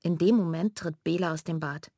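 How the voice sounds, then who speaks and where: A woman reading a children's story aloud in a lively, expressive way. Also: deep voice, fairly quick, no echo, studio quality. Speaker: narrator.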